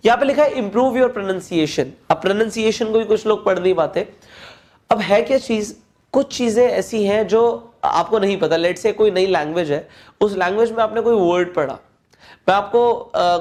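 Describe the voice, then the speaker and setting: A man with a Hindi accent giving a spoken English lesson, explaining step by step and reading English phrases slowly aloud. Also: high-pitched, darkish tone. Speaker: English teacher.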